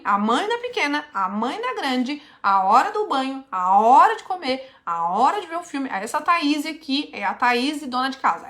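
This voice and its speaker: A woman's voice: high voice, sharp tone. A woman leads a live online mentoring session, reading participants' questions aloud and answering them in a direct, coaching way.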